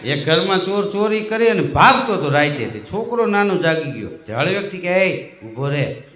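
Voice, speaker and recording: A man's voice: high-pitched, sing-song, fairly quick, a bit bright. A man, a stand-up comedian telling jokes like a chatty storyteller at a live show. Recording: live stage show, audience laughter, roomy. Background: audience laughing.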